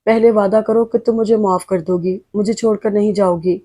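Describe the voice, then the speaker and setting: A woman's voice: medium pitch, fairly even intonation, mellow, natural voice. A woman reading a guilt-ridden tender husband. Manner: pleading, emotional.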